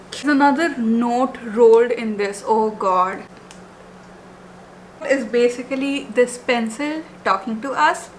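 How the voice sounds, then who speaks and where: An excitable woman chats through a casual vlog, gushing and easily moved. Her voice sits high and sounds bright and forward. A faint hum of room noise runs underneath. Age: 20s. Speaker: book vlogger.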